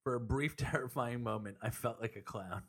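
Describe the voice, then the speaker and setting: A man's voice: medium pitch, fairly quick, fairly bright tone, husky. A man co-hosting a casual comedy podcast from his apartment, joking and laughing often as he reads out tweets. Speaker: podcast co-host. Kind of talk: casual chat.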